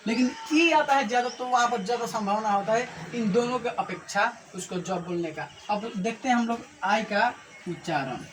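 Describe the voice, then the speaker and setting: A man's voice: high-pitched, moderate pace, a bit bright, soft background music, rough recording. A man teaching English pronunciation rules to a coaching class. He explains each rule step by step, calls his students bhaiya and asks and answers his own questions. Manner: explains rules step by step, adds a short motivational rhyme. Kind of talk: classroom lesson.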